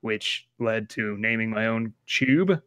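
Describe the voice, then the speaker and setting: A man's voice: lowish voice, slow, a bit bright, clear, resonant tone. A man co-hosting a casual gaming podcast on a call, joking and swearing, reading lore aloud with mock drama. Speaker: podcast co-host.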